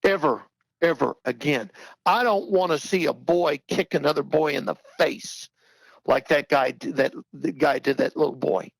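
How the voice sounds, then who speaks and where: An older man talking heatedly on a podcast, repeating himself for emphasis and rising in pitch when worked up. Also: normal speed, vocal fry, no echo, low-quality recording. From Texas. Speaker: podcast guest. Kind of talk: impassioned talk-show commentary.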